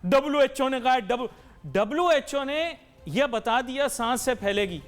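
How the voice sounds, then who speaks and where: A man's voice: extremely high pitch, animated, normal speed, soft background music. A man hosting a TV talk show, delivering an emphatic, lecturing monologue to viewers and mixing in English phrases. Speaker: TV anchor and talk show host.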